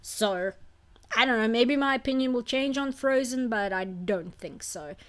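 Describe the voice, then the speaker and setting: A woman's voice: on the high side, unhurried. A woman streamer in casual chat who rambles and reads out chat comments. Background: faint background music.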